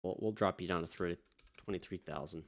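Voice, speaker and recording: On a live stream, a man serves as a virtual air traffic controller, speaking in a deep voice at a fairly quick pace. His casual chatter keeps wandering off mid-thought until he turns to courteous radio exchanges with pilots.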